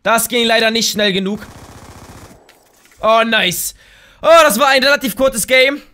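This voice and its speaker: Young German man, gaming commentary; very high, bright voice, hyped and prone to yelling at opponents. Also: measured pace. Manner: excitable, trash-talking, bursts into shouts. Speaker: gaming YouTuber. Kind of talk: live gameplay commentary.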